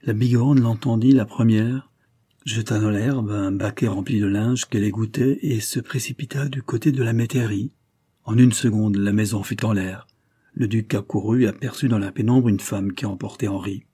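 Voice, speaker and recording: Un homme lit un roman en livre audio, d'un ton posé et expressif. Sa voix est plutôt grave, sombre et un peu voilée. L'enregistrement est très sec, sans écho. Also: male voice, fairly low pitch, fairly even intonation, moderate pace, mellow, husky, no room sound. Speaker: audiobook narrator. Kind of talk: literary audiobook reading.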